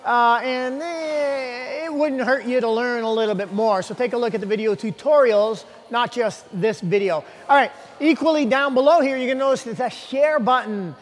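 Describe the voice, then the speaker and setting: A man in his forties talks the viewer through the day's workout with a very high, upbeat voice. He speaks brisk and plain, like a coach who wants you moving. The lapel mic picks him up in a large indoor gym, and a long reverb trails his words. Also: soft background music. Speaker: fitness coach host. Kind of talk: workout instruction to camera.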